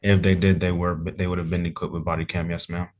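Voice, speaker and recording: A man's voice: low-pitched, little pitch movement, quick pace, darkish tone. A police officer testifying in court over a remote call, polite and hedging in his answers.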